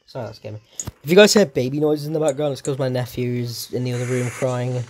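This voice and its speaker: A man doing let's-play commentary, excitable and swearing at the game while muttering to himself. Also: mid-range voice, quick pace, a little hiss or hum. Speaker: gamer.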